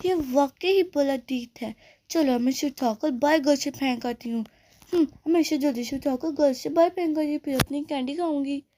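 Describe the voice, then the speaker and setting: A woman's voice: sits high, moderate pace, mellow, slight background noise, natural voice. A woman voicing a young girl doll who loves candy, talking in a childish way with munching sounds, in a doll play story. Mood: greedy.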